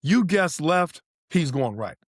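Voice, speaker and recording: A man co-hosting a sports podcast breaks down tennis play in casual talk, repeating phrases for emphasis. His slightly high voice is very animated yet slow. The recording is dry and studio quality.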